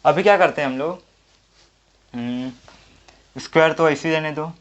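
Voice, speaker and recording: A man's voice: on the high side, moderate pace. A man teaching a maths lesson at the board, thinking aloud and answering his own questions step by step. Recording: dull lo-fi audio.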